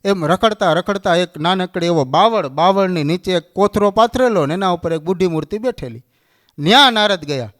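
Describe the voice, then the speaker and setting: A man preaching in a Kathiawadi Gujarati accent tells a sacred tale with a high, lively voice. His pitch rises and falls sharply as he acts out the voices of the figures. The delivery is an animated storytelling sermon. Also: normal speed. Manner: animated storyteller acting out dialogue. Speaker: religious speaker.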